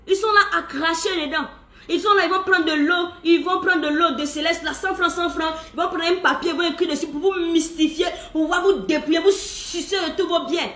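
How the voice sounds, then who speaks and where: Woman, fiery preaching rant, high voice, roomy echo. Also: sharp tone. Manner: indignant, preaching, warns and mocks with laughs. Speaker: self-styled spiritual figure. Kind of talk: angry monologue to followers. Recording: echoey room.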